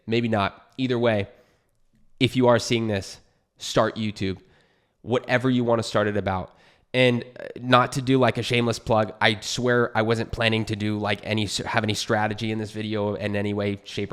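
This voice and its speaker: This young Californian man, American-accented with a fairly low voice, addresses the camera off the cuff. His tone is earnest and encouraging, the way a YouTuber sounds when handing out advice.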